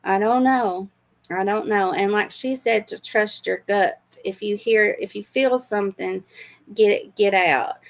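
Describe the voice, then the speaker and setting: A woman's voice: mid-range voice, unhurried. A woman hosting a livestream, chatting casually and sympathetically with viewers, with many fillers and asides as she reads chat aloud. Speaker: livestream host reacting to news.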